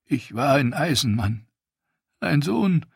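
A man's voice: medium pitch, big pitch swings, slow, creaky, breathy edge, no room sound, clean studio sound, voice pushed up, exaggerated voice. A man voicing a broken, desperate young male captive who stammers and pleads.

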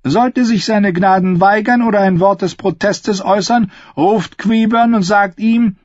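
A man's voice: high voice, a little slow, a little mellow, dry recording, dull audio, voice pushed up. A man putting on an icy, imperious queen. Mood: coldly commanding. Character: cold scornful queen mother, middle-aged woman. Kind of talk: audiobook reading.

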